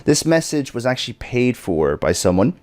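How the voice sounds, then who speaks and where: A man's voice: medium pitch, very animated, normal speed, a little mellow. A man hosting a livestream podcast, chatting casually and laughing through hyped-up banter. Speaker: stream host.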